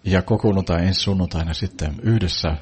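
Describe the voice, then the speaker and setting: A man preaching and leading prayer in short phrases, pausing after each for an interpreter. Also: low-pitched, darkish tone, slightly rough. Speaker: pastor. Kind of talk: sermon and spoken prayer.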